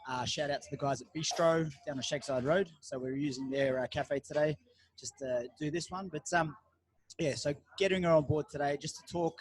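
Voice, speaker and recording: A man with a slightly high voice, talking a bit fast, hosts a podcast from a cafe. His casual interview chat rambles loosely, full of fillers and restarts.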